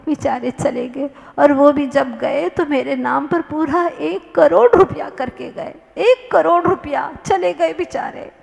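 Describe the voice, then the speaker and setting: A woman, a Jain nun, giving a devotional sermon, chanting verse slowly and then telling a parable in which she acts out both speakers. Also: sits high, creaky, a little mellow, in a large hall.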